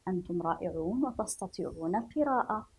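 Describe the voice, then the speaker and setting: A woman from Yemen teaching a reading lesson to young children, speaking slowly and spelling sounds out clearly while asking the class questions. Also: lowish voice, lively intonation, poor audio. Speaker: primary school teacher.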